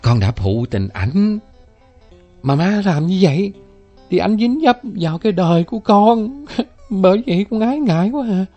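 A man's voice: high-pitched, sing-song, mellow, soft background music, voice pushed up. A man voicing a weary, heartbroken young woman who speaks hesitantly. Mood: reluctant. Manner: hesitant, halting, stammers.

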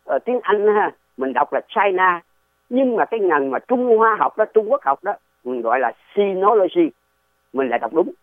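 A man talks through history in a loose, wandering way and keeps throwing rhetorical questions at the listener. His pitch rises and falls a lot, and it sits a little high for a man. He comes through a dry, tinny phone line. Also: very animated, normal speed, dry recording. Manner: rambling, digressive, rhetorical questions. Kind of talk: casual explanatory talk.

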